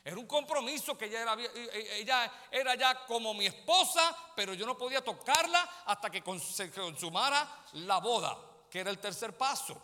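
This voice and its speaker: A man's voice: very high-pitched, animated, moderate pace, hardly any pauses, bright, forceful tone, in a large hall. A man preaching a sermon as pastor, often turning to his listeners to ask if they follow. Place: church sanctuary.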